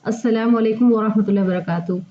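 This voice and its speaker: A woman's voice: fairly high pitch, lo-fi sound, slight background noise. Patient woman teaching Quran pronunciation. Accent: Pakistani Urdu. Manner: patient, slow recitation of Arabic verses between explanations. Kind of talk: explaining Quran pronunciation to women viewers.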